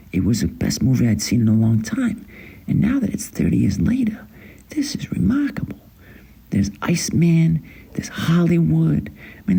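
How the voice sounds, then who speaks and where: Man acting a breathy, awestruck movie fan. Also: a little high, dark tone, heavily acted, poor audio. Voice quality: breathy, half-whispered. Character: awestruck middle-aged male movie fan, reverent and gushing. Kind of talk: acted monologue.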